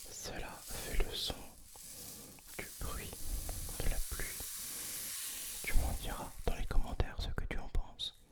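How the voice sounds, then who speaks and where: Breathy whispered ASMR voice, sex unclear. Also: slow pace, pauses often. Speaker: ASMR video host. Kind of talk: whispered ASMR book review, casual chat.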